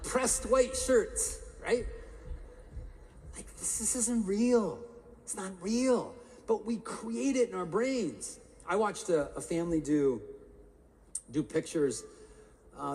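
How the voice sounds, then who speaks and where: A man giving a live motivational keynote, animated and quizzing the crowd with questions. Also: a little high, a little hiss or hum. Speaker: motivational speaker. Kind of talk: live keynote talk to an audience. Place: large conference hall. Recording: live hall with long reverb.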